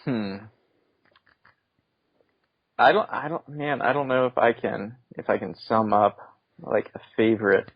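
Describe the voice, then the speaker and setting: Gravelly-voiced man, hesitant and easygoing. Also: fairly low pitch, a little slow, pauses often, no room sound, muffled recording. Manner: hesitant, many fillers, easygoing. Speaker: podcast guest. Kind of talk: casual conversation.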